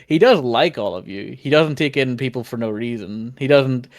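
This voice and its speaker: A man's voice: mid-range voice, normal speed. A man casually explaining his character as a player in a tabletop role-playing game.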